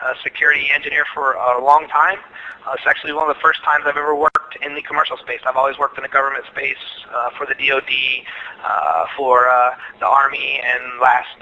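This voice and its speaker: A man's voice: on the high side, pushed and bright, highs cut off, a little hiss or hum. A man, a security engineer, giving long, rambling technical answers during a webinar question session.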